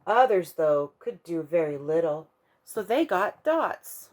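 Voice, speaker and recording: For a church children's ministry, a lowish-voiced woman reads a bedtime story with plenty of expression, slowing her delivery whenever an important moment arrives.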